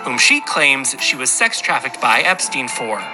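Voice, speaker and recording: A news narrator reading a dramatic, tabloid-style report in a smooth delivery. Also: mid-range voice, very animated, a little slow, music in the background.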